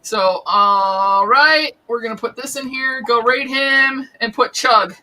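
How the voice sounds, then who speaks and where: Bright-voiced chatty woman host. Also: on the high side, takes it slowly, rough recording. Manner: chatty, laughs often. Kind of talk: casual live-stream chat.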